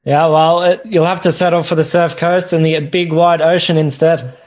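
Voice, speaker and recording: A man hosting a relaxed interview, asking friendly questions. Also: on the high side, moderate pace. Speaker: podcast host. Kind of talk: casual interview.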